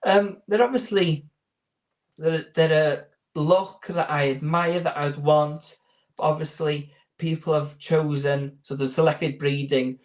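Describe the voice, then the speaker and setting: A man's voice: fairly high pitch, fairly even intonation, slow, highs cut off. A man giving informal interview answers as a sheepdog handler, explaining in a hesitant, rambling way.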